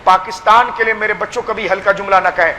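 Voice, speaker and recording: A man's voice: high voice, fairly even intonation, pushed and bright, big-room sound, a little hiss or hum. A man with a Pakistani Urdu accent giving a fervent religious sermon to a gathering, exhorting his listeners and calling them his children. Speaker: pir giving a religious speech.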